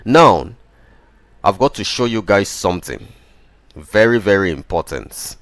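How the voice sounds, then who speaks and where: A low male voice recorded close and dry, working through market charts as a crypto-bro host. He is emphatic and sure of himself, repeating his points insistently like a salesman hyping an investment. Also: expressive, unhurried, a bit bright, dry recording. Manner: emphatic, self-assured proclaiming. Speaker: crypto trading host who calls himself a prophet. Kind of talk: chart analysis commentary with promotional pitch.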